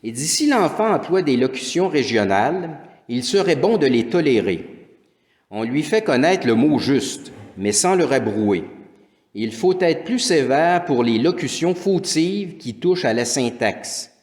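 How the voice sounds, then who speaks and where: A middle-aged teacher from Quebec, with a Québécois French accent, gives a rambling conference lecture full of restarts and fillers. His medium-pitched voice is sing-song, a little slow and a little mellow, echoing through a hall with long reverb.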